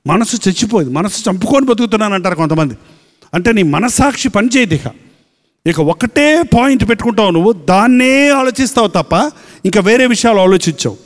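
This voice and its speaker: Male pastor, high voice, emphatic sermon delivery in a reverberant hall. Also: lively intonation, fast. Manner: emphatic preaching with rhetorical questions.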